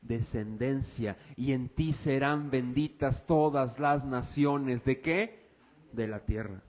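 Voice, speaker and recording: A man with a Mexican accent preaching a sermon as pastor. He asks the congregation rhetorical questions and swings between loud, raised passages and quiet, low ones. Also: takes it slowly.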